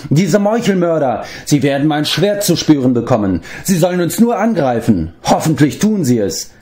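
A boastful, hot-tempered bard, blustering and excitable, his voice pushed up high above the reader's own, as a man puts him on. He bursts out loud in a storybook reading. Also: normal speed, close to an everyday voice.

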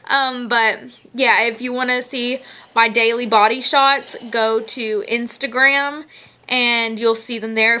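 Sitting on the couch at home, a young woman gives her daily fitness update to the camera in an informal, wandering way, her voice a little high, bright and forceful. The phone or camera is held at arm's length, producing a noisy, clicky recording with background noise and a small child playing close by.

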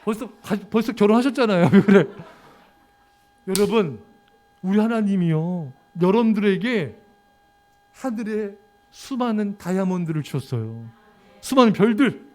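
A man with a notably high voice preaches to his congregation. He jokes, teases the children in the pews and now and then barks at them to hush. His delivery is playful and animated. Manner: lively and joking, teasing children in the congregation; breaks into sudden shouts for quiet. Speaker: pastor. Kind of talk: sermon.

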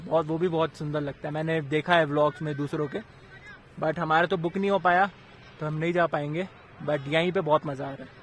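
A man's voice: fairly high pitch, fairly bright tone, a little hiss or hum. A young man vlogging outdoors on a mountain trail, chatting casually to his viewers and calling them brother, filmed on a handheld camera. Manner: chatty, addresses viewers as bhai. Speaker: travel vlogger. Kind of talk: casual vlog chat.

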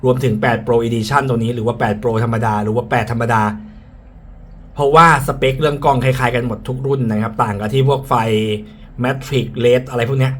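With clear ambient noise behind him, a man reviews a tech product in a frank, casual way, repeating his points often. His mid-range voice is fairly even in intonation and moderate in pace, slightly muffled by the face mask he wears.

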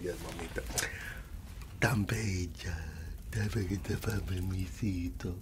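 In the role of a loving old grandfather with a Latin American Spanish accent, a man softly tells a bedtime story for an ASMR roleplay in a doting, tender mood. He rambles, repeats endearments, and mixes Spanish with English. His low-sitting voice holds a steady tone at a measured pace against a noisy background.

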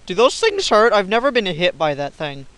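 A man's voice: high-pitched, wildly swooping pitch, moderate pace, clean tone, no echo, rough recording. Silly, cursing young gamer guy. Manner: swearing, silly, bursts of yelling. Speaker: gamer recording gameplay. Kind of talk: casual gameplay commentary.

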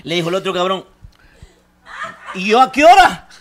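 Squeaky-voiced Mexican man telling a rowdy joke. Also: big pitch swings, moderate pace, slight background noise. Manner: laughing through his own joke, profane and rowdy. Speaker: radio comedian.

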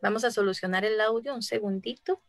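A woman gives short, practical announcements at an event, speaking quietly. Her voice sounds dry and close, in a medium pitch. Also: fairly even intonation, a little fast, no echo.

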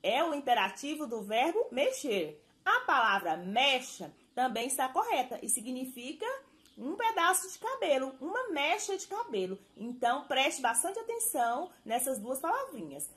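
A woman from Brazil, a primary school teacher, giving a recorded lesson to children in a slow, careful, sing-song way. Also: high-pitched, big pitch swings, fairly bright tone.

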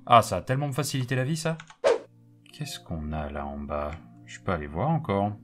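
A low-voiced man jokes and thinks aloud while playing a game. His chatty let's-play commentary rambles between menus, and game music plays loudly under him. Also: big pitch swings, brisk. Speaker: gaming video host.

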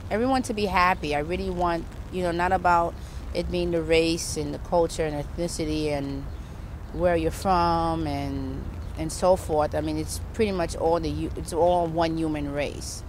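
A woman's voice: low voice, fairly even intonation, normal speed. An American woman speaking casually outdoors in a documentary interview, with many fillers. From United States. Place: outdoors by a fence. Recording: noisy outdoor ambience.

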